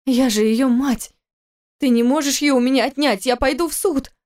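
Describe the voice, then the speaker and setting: A woman's voice: sits high, moderate pace, darkish tone, voice pushed up, close to an everyday voice. A woman reading the part of a young wife and mother in an audiobook, speaking in a defensive, pleading, indignant way.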